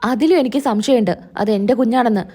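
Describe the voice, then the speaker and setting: A woman's voice: on the high side, quick pace, mellow, lightly acted. A woman reading the lines of a cold, dismissive young husband in a story recap, in a curt voice. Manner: curt, brushing her off.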